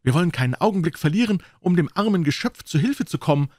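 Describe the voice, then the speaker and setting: A man's voice: fairly high pitch, expressive, fast talker, a little mellow, no echo, clean studio sound, voice pushed up. A man voicing an eager, urgent young woman governess in a storybook reading.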